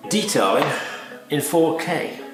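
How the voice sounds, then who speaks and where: Nasal and congested from a cold, a man narrates his car detailing video as its channel host, methodically explaining and listing the steps one at a time. His voice is fairly high, animated and slow, recorded roughly as a voice-over with loud music underneath.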